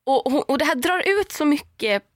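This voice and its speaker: A young woman casually telling a story on a podcast, lively, with many fillers and acted-out quotes. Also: high voice, no echo, studio quality.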